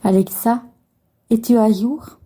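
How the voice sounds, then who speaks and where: Brief: woman host issuing short commands, slightly high, mellow voice. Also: steady tone, slow pace, husky. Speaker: video host testing a smart speaker.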